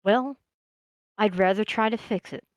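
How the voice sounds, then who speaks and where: A woman's voice: mid-range voice, measured pace, no room sound, lo-fi sound, voice pushed up, lightly acted. A woman voicing a tired but determined man who speaks in a grudging, sardonic way. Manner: dry, grudging.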